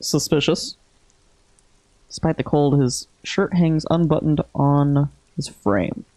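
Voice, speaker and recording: A man giving casual, low-key playthrough commentary as a gaming host, musing aloud and reading out game text. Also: fairly even intonation, slow pace, warm tone, no room sound, rough recording.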